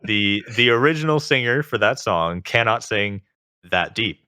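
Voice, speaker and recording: A man with a very low voice that still has a bright, forceful edge. He is a guest in a casual interview. He talks at length, leaning on filler words as he explains. The sound is close and dry. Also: lively intonation, normal speed, clear, resonant tone, no room sound. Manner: talkative, explains at length with lots of "like".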